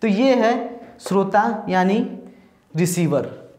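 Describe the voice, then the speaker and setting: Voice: medium pitch, very slow, a little mellow. Echoey lecture from a patient teacher. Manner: explains step by step, repeating points with frequent checking "ठीक"; mixes in English terms alongside Hindi ones. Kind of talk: recorded classroom-style lecture. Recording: echoey room.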